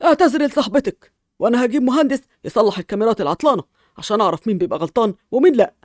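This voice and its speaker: A woman's voice: a little high, expressive, racing, a little mellow, no echo, studio quality. Woman as a stern school principal. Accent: Egyptian. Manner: scolding, authoritative.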